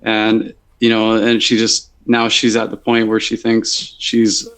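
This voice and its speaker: A man's voice: lowish voice, completely flat delivery, unhurried, a bit bright, clear, resonant tone. A man talking bluntly and with strong opinions in a casual group discussion.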